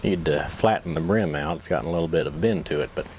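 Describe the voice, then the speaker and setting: A man's voice: very deep voice, fast talker, darkish tone, slight background noise. A man chatting casually to camera in a folksy, rambling, self-deprecating way, as if with a pipe in his mouth. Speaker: pipe-smoking YouTube vlogger.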